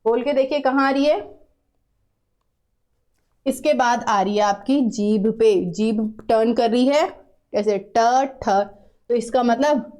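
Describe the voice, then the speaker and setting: In a classroom grammar lesson, a woman with a fairly high, slightly mellow voice and an Uttarakhand Hindi accent patiently repeats sounds. She encourages her students to try them out loud.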